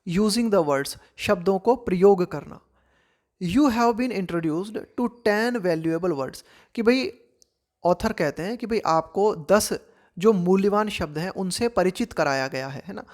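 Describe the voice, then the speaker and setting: Woman teacher, reads english lines slow then explains in hindi, chatty with learners. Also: lowish voice, a little mellow. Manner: conversational, addresses learners directly. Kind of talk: explaining a book line by line.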